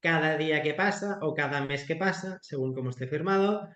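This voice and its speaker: A frank, colloquial man, an investor explaining startup equity with lively quoted asides. His voice sits a bit high for a man. The video call picks up an echoey room around him. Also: fairly quick. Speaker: startup investor and guest expert. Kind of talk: explanatory webinar talk.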